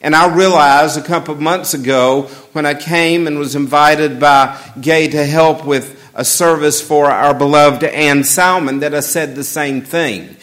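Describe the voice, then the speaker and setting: Speaking in a fairly high male voice, a Southern-accented pastor from Atlanta offers a reflective, measured funeral sermon laced with gentle humor, inside a church sanctuary.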